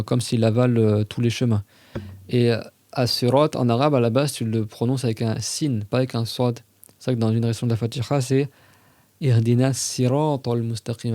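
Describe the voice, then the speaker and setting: Teaching casually on a podcast, this warm-toned religious teacher speaks conversationally in a mid-range voice, slowing down to recite Arabic verses with care. The lesson is explanatory, with no room sound.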